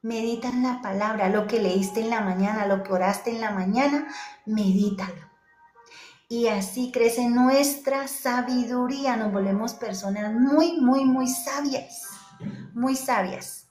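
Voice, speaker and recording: A woman's voice: on the high side, measured pace, a little mellow. A woman preacher, delivering a sermon emphatically, repeating key phrases and answering her own rhetorical questions. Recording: echoey room with faint music.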